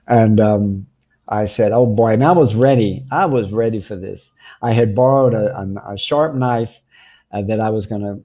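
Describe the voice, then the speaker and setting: A man's voice: mid-range voice, highs cut off. An older man telling children a rambling personal travel story, full of ums, restarts and chuckles.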